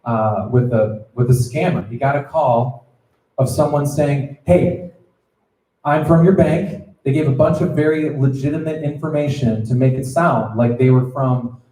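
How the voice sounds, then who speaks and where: A man's voice: mid-range voice, moderate pace, dark tone. A man giving a sermon to students as a youth pastor. He talks conversationally, checks in with the audience and acts out the voices in his stories. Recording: echoey room.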